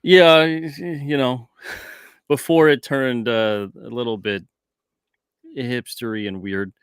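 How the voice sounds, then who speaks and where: A man's voice: mid-range voice, fairly even intonation, takes it slowly, clear, resonant tone, dry recording, studio quality. A man from New York hosting a podcast, talking in an easygoing, agreeable way. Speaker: podcast host. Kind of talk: casual podcast chat.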